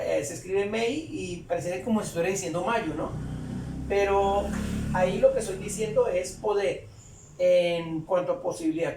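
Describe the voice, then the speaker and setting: A man teaching English grammar in Spanish, explaining slowly and repeating phrases as he writes on a board. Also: high voice, vocal fry, a little mellow, recorded from a distance, slight background noise. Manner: slow, repeats phrases while writing. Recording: echoey room, voice away from mic.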